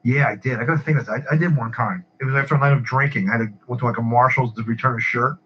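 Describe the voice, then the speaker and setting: A man's voice: medium pitch, steady tone, very fast. A man telling rambling stories in casual chat, repeating his words and laughing at his own tales. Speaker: podcast regular. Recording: muffled lo-fi with faint hiss.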